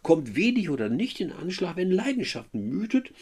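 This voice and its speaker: A despairing young man pours out his feelings in sweeping, declamatory lines, as a teacher reads him aloud. The voice climbs high and falls away again. It has a rough, husky edge. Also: big pitch swings, normal speed, darkish tone, exaggerated voice. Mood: impassioned. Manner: impassioned, declamatory reading. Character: passionate young man lamenting his fate.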